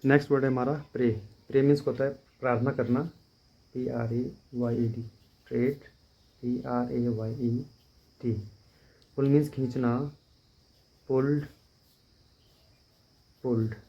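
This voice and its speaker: A man teaching English vocabulary in a steady, repetitive drill, spelling words out letter by letter. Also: mid-range voice, measured pace, gravelly, long pauses. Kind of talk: vocabulary lesson. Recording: dull lo-fi recording.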